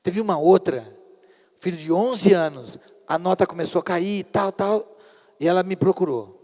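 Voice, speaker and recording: Man, middle-aged, psychologist speaker; animated storyteller, fairly high voice, long hall echo. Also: normal speed. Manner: lively anecdotal storytelling, acting out dialogue. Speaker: psychologist giving a talk. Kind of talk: storytelling talk at a church couples retreat.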